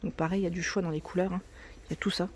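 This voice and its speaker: A woman with a lowish, steady voice talks fast over background noise while walking a store aisle, showing off new arrivals in a casual vlog. She's chatty and keeps correcting herself, sometimes dropping almost to a whisper, and her voice cracks in the early morning.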